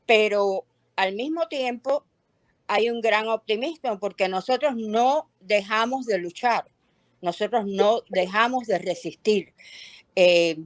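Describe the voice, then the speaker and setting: A woman's voice: medium pitch, dry recording. Earnest older woman, dry close sound. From Cuba. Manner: earnest, passionate, speaks with conviction. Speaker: activist guest. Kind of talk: interview over a video call.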